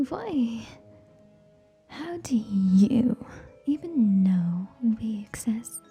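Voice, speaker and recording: A woman whispers scornfully and deliberately close to the mic as a haughty, teasing tsundere vampire in a scripted ASMR roleplay, sounding startled and wary. Her fairly high voice has a dark tone, is heavily acted, and the highs are cut off.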